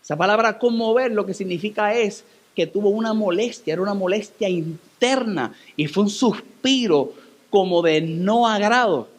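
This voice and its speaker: Animated Puerto Rican preacher, high voice. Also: male voice, normal speed. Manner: dramatic, animated storytelling with sudden pitch swings. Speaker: pastor. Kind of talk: sermon. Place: church.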